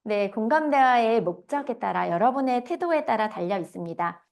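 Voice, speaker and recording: A woman's voice: a little high, moderate pace, creaky. A woman in her thirties giving an online lecture on empathetic communication, often asking her listeners questions. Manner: lively, asks the audience questions.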